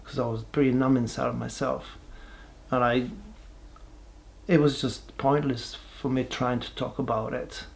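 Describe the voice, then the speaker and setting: A man, giving a halting, reflective personal testimony with many pauses and restarts. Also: mid-range voice, little pitch movement, creaky. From Bulgaria. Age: 40s. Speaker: person sharing his life story.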